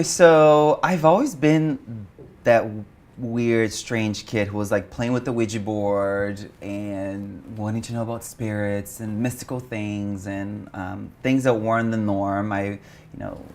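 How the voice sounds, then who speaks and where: A man from Brazil, speaking as an interview guest in an open, expressive way and swearing casually. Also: mid-range voice. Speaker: guest, meditation teacher and coach. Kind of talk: candid interview chat.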